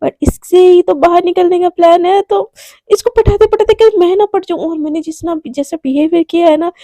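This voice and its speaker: Storybook romance: woman reading as a nervous young college girl in love, stammering, very high and soft-toned. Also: fairly quick, no echo, clean studio sound. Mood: dreamy.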